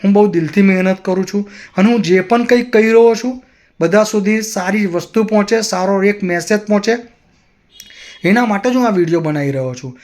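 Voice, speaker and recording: A man's voice: high-pitched, fairly quick, darkish tone. A man vlogger telling a personal story in an earnest, moralizing way.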